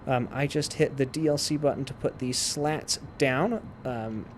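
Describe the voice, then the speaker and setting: A man's voice: medium pitch, unhurried, a little hiss or hum. A man giving casual, step-by-step instructional commentary while he plays a flight simulator. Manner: explains step by step while playing. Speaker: flight sim tutorial presenter.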